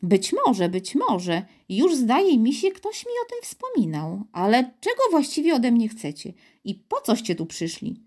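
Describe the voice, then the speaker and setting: A woman's voice: on the high side, huge pitch swings, measured pace, hardly any pauses, darkish tone, heavily acted. A woman voicing a flustered, bewildered middle-aged male city mayor in a storybook reading, puzzled and slightly fussy.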